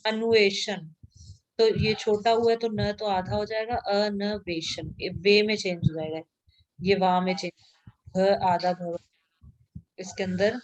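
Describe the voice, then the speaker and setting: A woman teaching a grammar lesson to a class, patiently repeating sounds aloud and checking that students follow. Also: mid-range voice.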